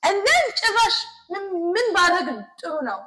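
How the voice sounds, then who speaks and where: A young woman, her voice high and bright in pitch. She tells her story quickly and with emphatic energy in a casual chat. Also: very animated, rough recording. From United States. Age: young adult. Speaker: co-host.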